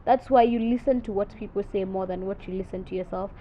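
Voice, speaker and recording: Speaking fast in a mellow, medium-pitched voice, this young South Sudanese woman is a confident, chatty podcast guest and content creator. She mixes English and Swahili in casual interview talk, over muffled audio with faint noise behind it.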